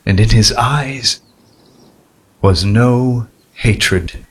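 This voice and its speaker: A man's voice: mid-range voice, background noise. An actor playing an embittered galley slave, narrating his suffering solemnly in a scripted historical drama. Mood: solemn, haunted. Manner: solemn, measured.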